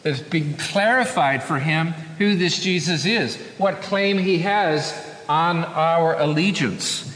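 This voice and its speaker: A man preaching a sermon as pastor, with earnest emphasis, rising on key phrases and slowing down for scripture quotations. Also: on the high side, a bit bright. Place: church. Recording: echoey church hall.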